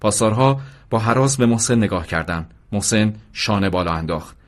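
A man reading an audiobook chapter in a calm, even storytelling manner. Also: lowish voice. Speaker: audiobook narrator. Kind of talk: scripted narration.

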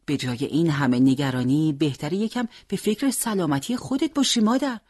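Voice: mid-range voice, dry recording, clean studio sound, natural voice. A reader voicing a troubled, caring young son. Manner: evasive, gently deflecting. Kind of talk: audiobook character reading.

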